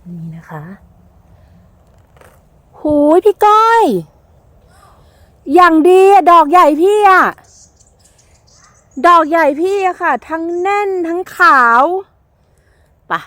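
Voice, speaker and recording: Thai woman, young adult, outdoor foraging vlog, excited exclamations, high lively voice. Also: slow pace, pauses often, no echo, studio quality. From Thailand. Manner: excited exclamations, counting finds aloud. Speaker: vlogger. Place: forest outdoors.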